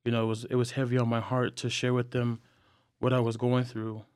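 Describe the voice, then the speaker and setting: A young man sharing personal struggles in a candid, earnest way, halting often with fillers and restarts. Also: medium pitch, monotone, darkish tone, smooth, no echo, clean studio sound. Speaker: podcast guest.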